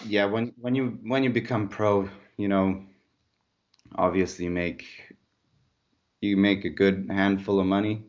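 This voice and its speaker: This fairly low, somewhat dark voice belongs to a Slovak native speaker, a retired pro road cyclist who took up mountain bike racing. Interviewed casually, he talks a little slowly with fairly even intonation, pausing often as he searches for words, on dull lo-fi audio.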